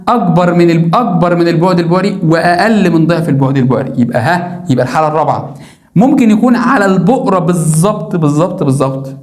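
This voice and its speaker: A man's voice: on the high side, a little mellow, roomy sound. A male science teacher with an Egyptian Arabic accent, explaining a lesson emphatically, repeating key words and asking the viewer questions. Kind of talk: classroom lesson explaining diagrams.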